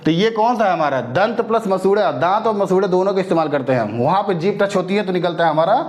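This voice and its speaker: A man teaching a Hindi grammar lesson, sounding out letters slowly and checking often that his students follow. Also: high voice, animated. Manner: explains step by step, repeatedly checks understanding.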